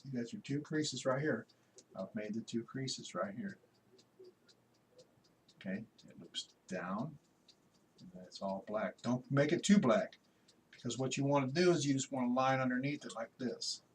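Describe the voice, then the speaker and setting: A man walks through a drawing step by step, calm and instructive, his voice at an ordinary middle pitch. He keeps pointing at each spot as he works. A faint hiss and the scratch of drawing tools sit behind him. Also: normal speed, long pauses. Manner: relaxed, instructive, talks while working with frequent pointing words. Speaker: art instructor. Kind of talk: drawing tutorial walkthrough.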